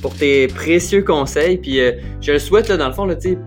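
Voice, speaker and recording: A man with a Quebec French accent hosting an interview, relaxed and hesitant with fillers. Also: a little high, fairly quick, faint music behind. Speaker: podcast host. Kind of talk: casual interview chat.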